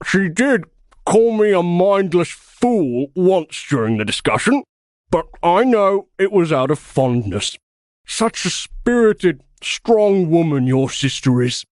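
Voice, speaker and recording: A man's voice: mid-range voice, sing-song, unhurried, few pauses, dry recording. A man voicing a boastful, lovestruck young Spartan warrior in an audiobook, cocky and blustering. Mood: smug. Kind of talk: audiobook character voice.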